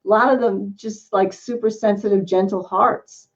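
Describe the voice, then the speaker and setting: A woman's voice: mid-range voice, fairly even intonation, moderate pace, highs cut off. A middle-aged woman hosting an interview, effusive and emotional, with many exclamations. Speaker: host. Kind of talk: casual interview chat.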